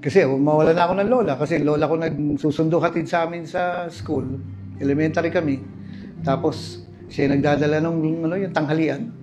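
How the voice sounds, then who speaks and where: Man, Filipino accent, pastor, sermon, animated storytelling, slightly high voice, music in the background. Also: brisk. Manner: animated storytelling, addresses listeners as brothers and sisters. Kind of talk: sermon with personal stories.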